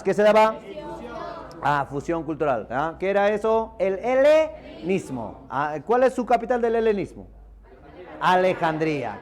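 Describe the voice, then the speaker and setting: Peruvian guy teaching a review class, rapid questions then answers them himself, kinda high voice. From Peru. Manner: rapid quizzing, answers his own questions in a lower voice. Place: classroom with students.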